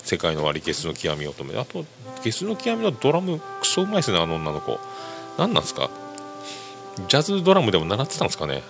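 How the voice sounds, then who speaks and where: A man hosting a podcast, rambling casually about music in a chatty, lively way. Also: sits low, fast talker, vocal fry. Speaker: podcast host.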